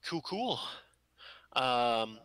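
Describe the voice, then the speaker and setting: A man acting as game master, narrating a tabletop role-playing game in halting, improvised phrases. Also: medium pitch, sing-song, bright, forceful tone, smooth, no room sound.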